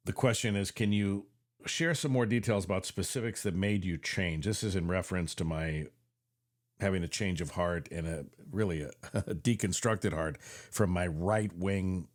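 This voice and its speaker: A man with a very deep voice speaks earnestly into a studio mic in his home podcast room. His delivery is confessional and reflective, and he slows down on the phrases that matter most to him. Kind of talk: reflective personal monologue. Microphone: studio mic with headphones.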